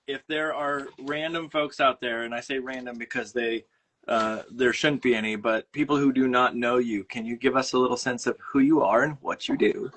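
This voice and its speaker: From a home studio room, a man with a Minnesota accent hosts a casual livestream, talking into a phone on a mount. His medium-pitched voice is bright, forceful and steady at a normal speed. He rambles along with plenty of fillers and restarts.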